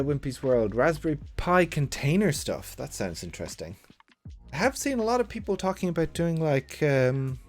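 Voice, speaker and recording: Speaking into a quality desk microphone at his computer, this man from Ireland, in his thirties, chats with his live-stream audience in a loose, joking, rambling manner. His mild Irish accent comes through in a mid-range voice that's a little mellow.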